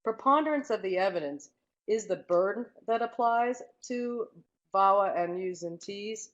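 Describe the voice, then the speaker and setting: A woman's voice: medium pitch, lively intonation, measured pace, muffled recording. A woman presenting a webinar lecture through a headset microphone, explaining step by step while her audio keeps breaking up over the online call. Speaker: legal trainer presenting a webinar.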